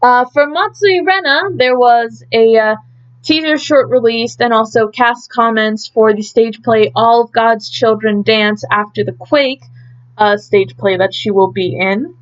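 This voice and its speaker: Hosting an idol news update, a woman with a fairly high-pitched voice talks in a casual, chatty style, pausing and thinking aloud while working through her notes. The recording is slightly muffled and lo-fi, like a basic home setup.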